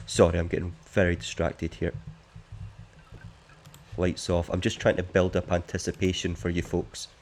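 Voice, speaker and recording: A man's voice: low-pitched, flat delivery, moderate pace, long pauses, darkish tone, a little hiss or hum. A man giving chatty, joking commentary to viewers while playing a sailing game. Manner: chatty, jokey, talks straight to viewers. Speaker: game streamer. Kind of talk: casual let's-play commentary.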